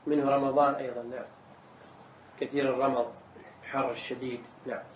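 A man's voice: mid-range voice, level tone, slight background noise. Man teaching in a roomy hall. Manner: measured, repeats words while explaining. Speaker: sheikh teaching a text. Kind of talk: explaining religious texts in a lesson. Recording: echoey room, distant mic, dull sound.

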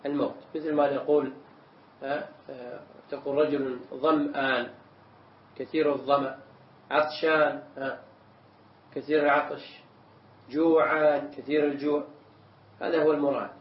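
A man teaching as a sheikh, explaining religious texts in a measured way, often repeating words as he explains. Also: a little high. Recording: echoey room, distant mic, dull sound.

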